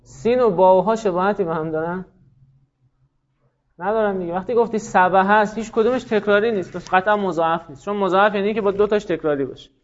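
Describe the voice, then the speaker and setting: High-voiced man teaching a class, lo-fi. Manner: quizzing students, brisk explanations, frequent praise. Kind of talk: classroom lesson with student drills.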